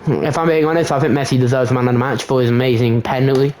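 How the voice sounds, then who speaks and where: A young man casually commentating his own football video game match, chatty and self-mocking, getting excited at goals. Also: medium pitch, quick pace, slight background noise. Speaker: gaming channel host.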